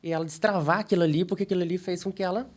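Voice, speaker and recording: A man's voice: high voice, fairly even intonation, rapid-fire. A man hosting a podcast, chatting casually and chiming in with enthusiastic agreement. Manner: enthusiastic, affirming interjections. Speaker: podcast host.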